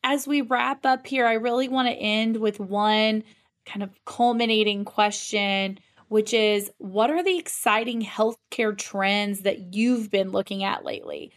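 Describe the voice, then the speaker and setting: Even-toned woman hosting a podcast. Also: medium pitch, unhurried. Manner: polite, professional. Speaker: podcast host. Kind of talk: interview hosting.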